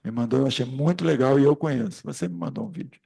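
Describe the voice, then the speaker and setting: A man's voice: mid-range voice, fast talker, gravelly, mellow, husky. A man leading an informal spiritist study class, rambling through anecdotes and speaking straight to the group. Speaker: class facilitator.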